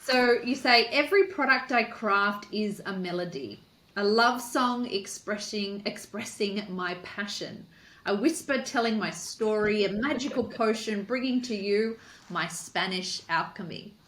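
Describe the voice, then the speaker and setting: A woman hosts a conversational interview with clear enthusiasm. Her voice sits at a middle pitch and sounds bright and forward, and she keeps the talk going with welcoming questions and soft "mm" responses. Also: unhurried, slight background noise. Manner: friendly, enthusiastic introductions with soft "mm" backchannels. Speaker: interview host. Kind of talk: interview hosting.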